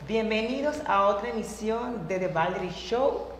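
A woman's voice: medium pitch, expressive, moderate pace, roomy sound, long reverb tail, over music, rough recording. A young woman hosting a talk show interview, asking questions and giving short prompts. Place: TV studio set.

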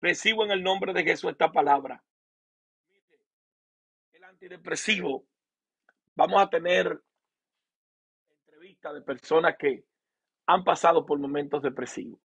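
A man's voice: on the high side, a little slow, creaky, long pauses, a bit bright, breathy edge. A male pastor giving an emotional sermon and personal testimony, often repeating words and restarting. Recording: dull lo-fi recording.

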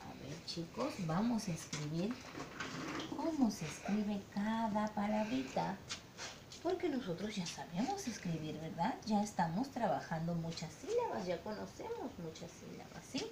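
Sing-song woman teaching little children. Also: sing-song. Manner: slow, sing-song, drawn-out syllables with constant checks. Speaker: kindergarten teacher. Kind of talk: virtual preschool phonics lesson. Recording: echoey room, faint rumble.

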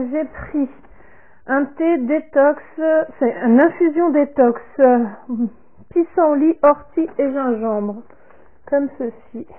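A woman vlogger showing a product order in casual talk, halting and trailing off softly after each item. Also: high-pitched. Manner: slow and halting, repeats "comme ceci" and "voilà", trails off softly. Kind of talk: casual unboxing talk to camera. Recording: tinny phone-like sound.

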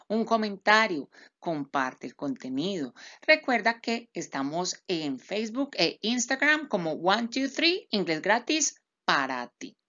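A woman with Spanish as her first language, teaching English pronunciation and repeating each word slowly for practice. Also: lowish voice, a bit bright. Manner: repeats words slowly for drilling. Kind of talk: pronunciation lesson.

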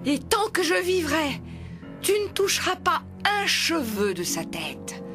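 A woman's voice: very high-pitched, big pitch swings, takes it slowly, over music, pitched above the performer's own voice, full character voice. A woman voicing a protective mother wolf. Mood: defiant. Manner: gentle, then fiercely defiant.

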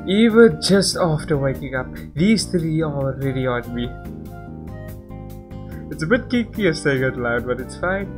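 Here a young man runs a casual let's-play for his gaming channel, reading the game's text and breaking away into meandering remarks that cut themselves off. His voice sits on the high side, expressive and unhurried, with music in the background.

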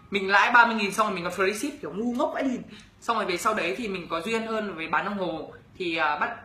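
A young YouTuber from Bac Ninh with a Northern Vietnamese accent chats casually on a livestream, reading viewers' questions and comments aloud and teasing them as he answers. His voice is high with a sharp tone, and the audio is reverberant.

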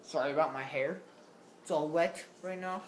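A man's voice: a little high, moderate pace, slight background noise. A man vlogging casually at home to his camera, tired and easily sidetracked, rambling with many fillers.

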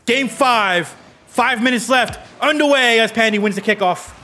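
A man casting esports play-by-play, calling the action in rapid, excitable bursts and sounding out of breath. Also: very high-pitched, faint music behind. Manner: rapid excitable calls, rising to yells on goals. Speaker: play-by-play caster.

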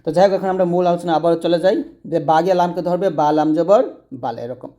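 Man teaching Quran reading, mellow voice. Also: high voice, fairly even intonation. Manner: explains step by step, asks and answers own questions, slows to spell out sounds. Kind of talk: spoken lesson to viewers.

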